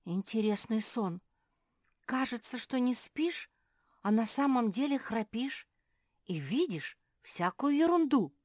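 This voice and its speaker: A woman doing a gentle puzzled pug girl. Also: on the high side, expressive, slow, no room sound, clean studio sound, voice pushed up.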